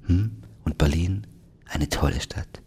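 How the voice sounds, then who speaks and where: A man doing a fawning, flowery flatterer. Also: extremely low pitch, slow, breathy edge, exaggerated voice. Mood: flattering. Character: fawning, overly polite middle-aged male passenger.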